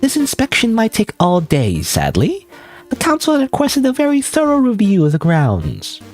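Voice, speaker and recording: A man's voice: high voice, wildly swooping pitch, moderate pace, darkish tone, soft background music, pitched above the performer's own voice. A man voicing a silly, sarcastic clown-like game character with a taunting, theatrical manner. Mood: mock regretful. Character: silly sarcastic clown-like male council member, cheerfully obnoxious.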